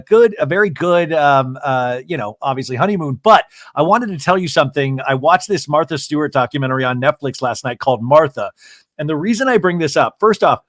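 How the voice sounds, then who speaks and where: High-pitched man hosting a chatty podcast. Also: lively intonation, normal speed, a bit bright, no room sound, clean studio sound. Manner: effusive, gossipy, rambling. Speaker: podcast host. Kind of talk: casual chat.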